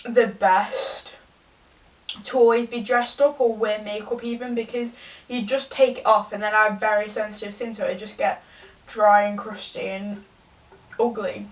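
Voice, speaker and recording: A young woman, tipsy, giving a rambling, halting confessional rant to a camera some distance away. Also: mid-range voice, flat delivery. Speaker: vlogger. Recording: distant from the mic.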